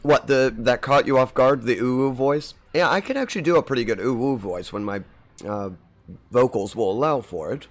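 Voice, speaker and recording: A man's voice: medium pitch, lively intonation, moderate pace. Guy chatting on stream while gaming, voice kinda scratchy from allergies, rambles and greets chat. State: slightly scratchy from seasonal allergies.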